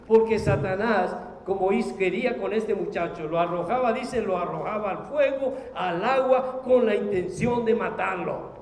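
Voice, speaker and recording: A man's voice: sits high, normal speed, hardly any pauses, a little mellow. A man preaching a sermon, impassioned and full of rhetorical questions. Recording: echoey hall, faint noise.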